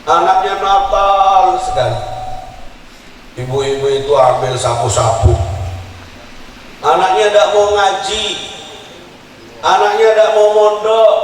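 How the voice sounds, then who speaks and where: A male preacher who chants prayers in a sung voice and tells stories with animated shifts in voice. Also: sits high, a little hiss or hum. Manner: chanting supplications, then animated storytelling. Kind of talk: sermon with chanted prayer and storytelling. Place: large hall at a prison celebration. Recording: echoey hall recording from far off.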